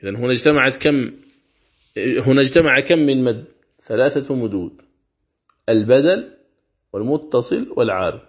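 A man teaching the rules of Quran recitation in a religious lesson, speaking slowly and deliberately and repeating key words. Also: mid-range voice, muffled recording.

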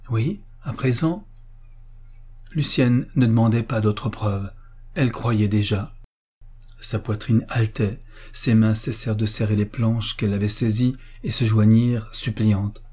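A man narrating a classic novel as an audiobook, measured and literary. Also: fairly low pitch, steady tone, warm tone, husky.

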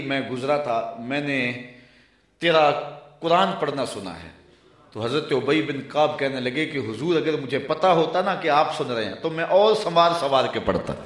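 A man preaching a sermon, telling stories and drawing out Arabic quotations slowly before explaining them. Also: fairly high pitch, fairly bright tone, roomy sound. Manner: slow chanted Arabic phrases between storytelling. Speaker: Islamic preacher.

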